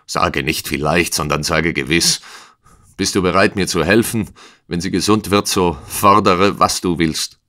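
A man voicing a proud, hostile householder in an audiobook, speaking in a low, hushed, menacing way. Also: a little slow. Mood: desperate pleading. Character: proud, hostile older male Eastern householder.

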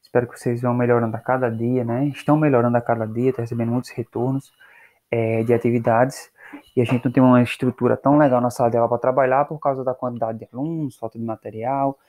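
Brazilian male English teacher, patient, clear explainer, medium pitch. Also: level tone, darkish tone. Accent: Brazilian Portuguese. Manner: patient, explanatory, repeats checks with students; slows down to model English phrases. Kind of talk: recorded online lesson.

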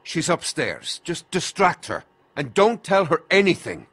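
A husky, protective father who gives quick, urgent instructions in a lively, raised voice. He sounds worried about his child. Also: on the high side, full character voice. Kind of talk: video game voice acting.

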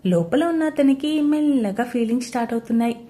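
A woman storyteller giving a scripted narration of a romance story in a steady, even reading. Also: high-pitched, fast.

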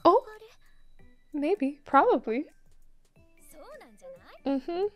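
A young woman hosting an anime reaction, gushing with excitable, giggly comments and gasps. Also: high-pitched, very slow, soft background music.

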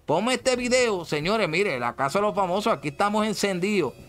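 A Puerto Rican man hosting an animated gossip show, emphatic, repeating himself and ordering his producer around. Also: high-pitched, fairly quick. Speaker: show host.

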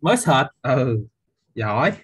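A man's voice: mid-range voice, very animated, slow pace, husky. A young man, teaching physics in a live online class, quizzing students by name and teasing them.

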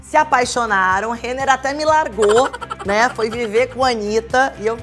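A woman's voice: fairly high pitch, moderate pace, fairly bright tone, soft background music. A woman in her thirties from Brazil, chatting casually to camera and telling stories about her friends. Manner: chatty, acts out quoted dialogue. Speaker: vlogger.

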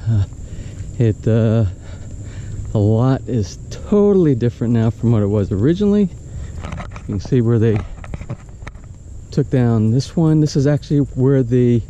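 A man's voice: medium pitch, expressive, unhurried, pauses often, warm tone, lo-fi sound, slight background noise. An older man walking and talking to a handheld camera outdoors, rambling casually and pointing things out, with many restarts. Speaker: vlogger. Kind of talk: casual walk-and-talk vlog. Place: outdoors on a tropical roadside lot. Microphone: action camera held at arm's length.

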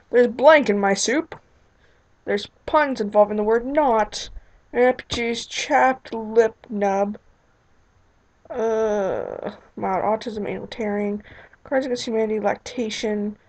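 A woman's voice: mid-range voice, low-quality recording. A young woman casually commenting on her gameplay, rambling with exclamations and muttered asides at her computer mic. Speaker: let's play host.

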